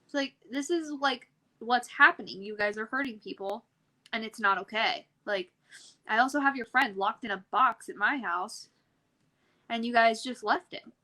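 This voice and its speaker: A woman's voice: on the high side, normal speed, sharp tone. A woman playing a tabletop game, talking casually and turning firm when she speaks as her character. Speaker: player.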